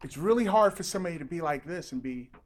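A man preaching a sermon as pastor, reading scripture and then talking to the congregation in a lively, conversational way. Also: a little high, fast talker.

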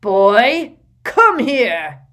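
A loud, gruff, blustering uncle, quick to temper, as a woman reader puts him on. The voice stays near the reader's own pitch but pushes hard with force, in a storybook reading. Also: big pitch swings. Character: blustering, bad-tempered middle-aged uncle.

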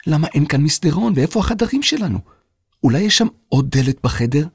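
A man voicing a startled young boy who is quick to take offense, in a children's audio story. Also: a little high, sing-song, husky, no echo, voice pushed up, heavily acted. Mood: bewildered.

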